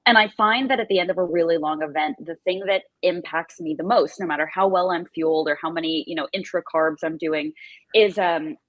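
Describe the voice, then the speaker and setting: A woman's voice: lowish voice, fairly quick, no room sound, dull audio. A woman co-hosting a podcast, asking a guest a thoughtful question in a friendly way. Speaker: podcast co-host. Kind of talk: casual podcast chat.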